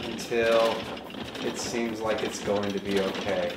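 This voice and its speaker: A man with a nasal voice, chatting and joking casually while playing a party game, quick to swear and get excited. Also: on the low side, heavy background noise. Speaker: gameplay video host. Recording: roomy with game music behind.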